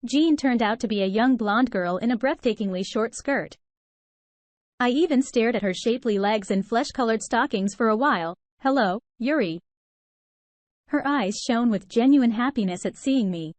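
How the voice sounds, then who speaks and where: A woman reading a first-person story aloud in an even, steady manner without fillers. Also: a little high, normal speed, dry recording. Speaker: story narrator.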